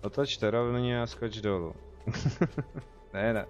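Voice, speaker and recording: A man's voice: mid-range voice, muffled recording, soft background music. A young man with a Czech accent, chatting casually as he streams a game and jokes with his viewers. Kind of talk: casual live gameplay commentary.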